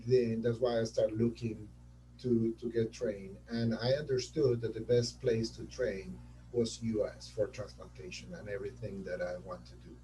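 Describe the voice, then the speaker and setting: A man from Colombia with a Colombian Spanish accent speaking English as a second language, talking in an animated way as a surgeon being interviewed on a webinar. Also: fairly low pitch, normal speed, far from the mic, slight background noise, rough recording. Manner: animated, repeats words while searching for them. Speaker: transplant surgeon guest.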